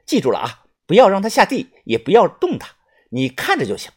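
Narrator playing a guarded young woman, brisk, audiobook, husky, very lively pitch. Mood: urgent. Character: Ah Chun, a tense young woman, sister-like protector. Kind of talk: audiobook character voice.

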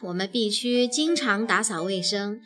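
A woman doing a calm, sensible mom. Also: mid-range voice, unhurried, faint music behind.

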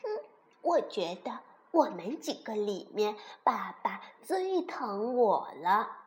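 A woman's voice: medium pitch, sing-song. A woman doing a smug baby ankylosaur. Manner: smug, drawn-out boasting. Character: boastful, smug little male baby ankylosaur.

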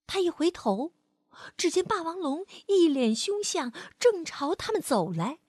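Woman telling a bedtime story to kids, slow, very expressive, breathy, dry sound. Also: very high-pitched, no room sound. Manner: gentle and expressive, addresses the listener as "baby". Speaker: children's storyteller. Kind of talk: bedtime story narration for children.

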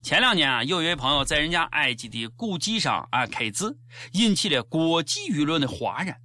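Animated Shaanxi-accented man, high and bright. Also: brisk, background noise. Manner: exaggerated, sarcastic. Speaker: comedic show host. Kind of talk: scripted comic commentary.

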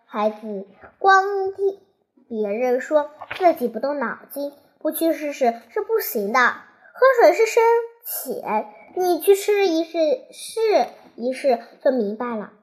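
Child playing a kind mother horse, soft, coaxing, high voice, slow. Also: sing-song, full character voice. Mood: gentle.

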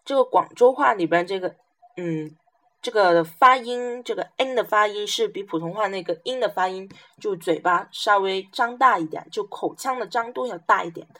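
A woman's voice: mid-range voice, moderate pace, a bit bright. A woman teaching a pronunciation lesson, repeating each syllable and example word several times. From southern China. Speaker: language teacher.

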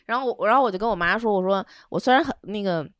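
A young woman, hosting a podcast and telling a personal story in an emotional, animated way. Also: medium pitch, rapid-fire, a crowd in the background. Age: young adult. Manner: emotional, animated retelling with quoted dialogue. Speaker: podcast host. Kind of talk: casual storytelling chat.

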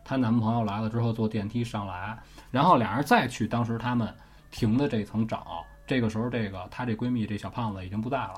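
A man's voice: fairly low pitch, quick pace, slightly rough. A man with a Beijing accent casually telling a ghost story as host, swearing offhandedly and often checking that the listener follows.

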